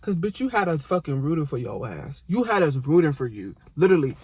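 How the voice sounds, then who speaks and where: A young man with a fairly high voice rants casually about a show he watched. He is profane and animated, and he keeps talking straight to the characters as if they could hear him. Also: brisk, slightly rough. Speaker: vlogger reacting to a TV show. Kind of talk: casual reaction rant.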